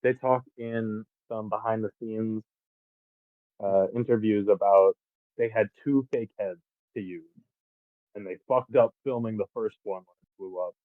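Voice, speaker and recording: A male podcast co-host, low-voiced and fairly even in tone, discusses a film at a measured pace, summarising the plot with a stray swear word. There's no echo, but his faulty microphone sounds tinny and phone-like.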